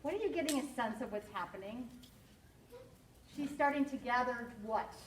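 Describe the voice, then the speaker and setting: A woman's voice: fairly high pitch, lively intonation, normal speed, a little hiss or hum. A woman teacher leading a class reading lesson, explaining words and quizzing her students. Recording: roomy classroom from far off.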